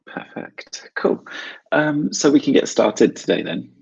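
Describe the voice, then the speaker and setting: A man's voice: fairly high pitch, unhurried, creaky, a little mellow, breathy edge, dull audio. A man from South London with a South London English accent, teaching an informal online lesson in short, simple, chatty phrases with some repetition. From South London, England. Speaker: English teacher and webinar host.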